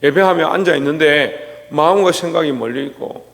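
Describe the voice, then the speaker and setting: A man's voice: on the high side, moderate pace, vocal fry, fairly bright tone, big-room sound. A man, a pastor, giving an early-morning sermon, reading scripture aloud and acting out the complaints of churchgoers. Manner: preaching, reads scripture, acts out quoted complaints.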